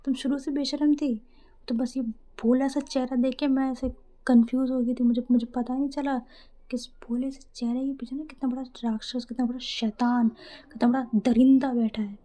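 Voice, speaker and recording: A bashful young woman who chides her partner, as a woman narrator puts her on. Her voice is high but very soft and mellow, exasperated and scolding by turns. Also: level tone, normal speed, close to an everyday voice. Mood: chiding. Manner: chiding, exasperated.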